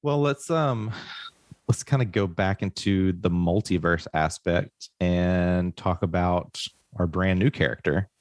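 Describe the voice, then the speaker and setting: Podcast host, man, deep voice, dry mic, eager and conversational. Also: a little mellow, dry recording. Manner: enthusiastic, quick affirmations. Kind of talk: casual film review chat.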